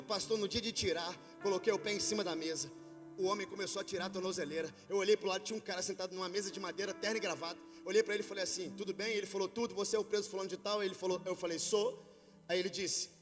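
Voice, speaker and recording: A Brazilian man preaches a sermon with a high, ringing voice. He tells a story in a low, hushed way and then builds to loud shouted preaching. The sound carries a long hall reverb with faint music underneath. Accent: Brazilian Portuguese. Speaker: pastor. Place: church hall with worship band.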